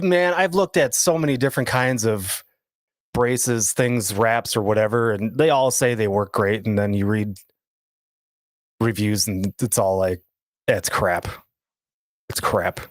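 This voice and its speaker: A podcast co-host in his forties, nursing a sore foot, chats casually in a fairly low voice at a measured pace with long pauses. He rambles and mocks himself, recorded dry with studio quality.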